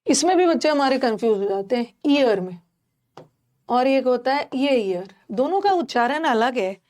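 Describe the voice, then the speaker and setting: A woman teaching a class, explaining pronunciation slowly and repeating each sound for her students. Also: high voice, animated, darkish tone. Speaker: English teacher. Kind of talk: classroom lesson.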